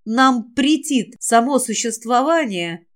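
A woman reading as a cool young dragon-shifter woman in a fantasy audiobook. She answers plainly and calmly, aloof and unbothered. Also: a little high, slow pace. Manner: calm, matter-of-fact.

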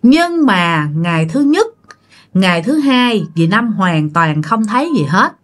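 A woman's voice: medium pitch, big pitch swings, unhurried. Chatty woman telling ghost tales. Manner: chatty, addresses listeners directly. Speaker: storyteller. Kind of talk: ghost story narration.

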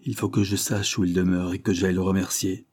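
A man reading as an earnest young gentleman. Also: sits low, little pitch movement, a little fast, slightly rough, dry recording, clean studio sound. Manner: earnest, heartfelt.

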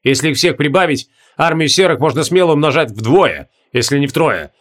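Man doing a calm advisor guy, measured and explaining, lively pitch.

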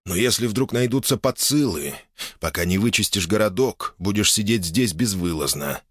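A man's voice: fairly low pitch, lively intonation, normal speed, husky, no echo, clean studio sound. A man voicing a stern, commanding older boyar who heads his clan. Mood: threatening. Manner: commanding, menacing.

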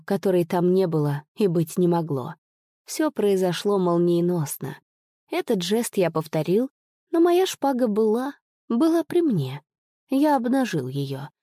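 A woman narrating an audiobook in an expressive, measured storytelling manner. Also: mid-range voice, no room sound, studio quality. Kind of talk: audiobook reading.

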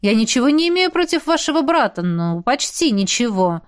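A woman reading aloud voices a blunt, teasing young woman fighter in a storybook, speaking loudly and mockingly. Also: a little high, very animated, brisk, voice pushed up.

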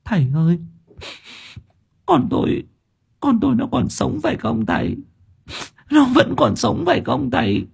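A man's voice: very high-pitched, huge pitch swings, unhurried, gravelly, pauses often, darkish tone, husky, voice pushed up, full character voice. A man voicing a desperate mother who pleads through tears. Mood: pleading. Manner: tearful, pleading.

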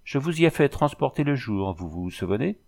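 A man voicing a gentle but bossy young woman nursing a patient, in an audiobook reading. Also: medium pitch, big pitch swings, a little fast, gravelly, pitched above the performer's own voice. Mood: coaxing, bossy. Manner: softly commanding, coaxing.

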